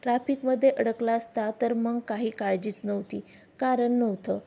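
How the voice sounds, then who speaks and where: A practical young woman speaks briskly in a storybook scene, as a narrator voices her. Her voice is dark and gravelly, somewhat high. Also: little pitch movement.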